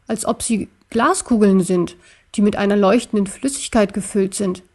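Brave little stuffed elk voiced by a woman, calm, thoughtful, storybook. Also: mid-range voice, moderate pace, close to an everyday voice. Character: small brave male stuffed-toy elk.

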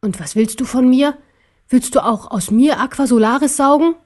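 A woman voicing a brave, angry little male teddy bear in an audiobook, raising her voice high and indignant. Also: normal speed, a little mellow. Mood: defiant. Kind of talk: audiobook character voice.

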